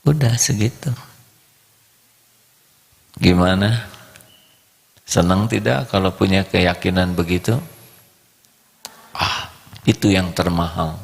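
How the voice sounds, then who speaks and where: A male preacher delivers a slow storytelling sermon in a low, gravelly voice. His words ring with a long reverb in a large hall. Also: fairly even intonation.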